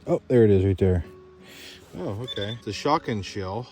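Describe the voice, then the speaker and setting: A man vlogging outdoors in a winter forest while metal detecting, chatty and excited as he talks through each find. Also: on the low side, normal speed, faint music behind. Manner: chatty, excited, thinking aloud while digging. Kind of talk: outdoor vlog narration to camera. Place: outdoors in a winter forest by old railroad tracks.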